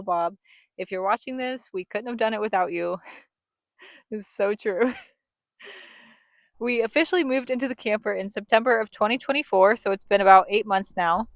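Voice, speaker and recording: A young woman, co-host of a family vlog, reads a scripted voice-over with reflective, earnest storytelling. Her medium-pitched voice is studio quality, with no room sound.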